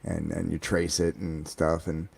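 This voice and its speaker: A man in his forties, a guest in a casual chat, telling long stories in a rambling, animated way full of fillers. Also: extremely low pitch, a little slow, vocal fry, breathy edge.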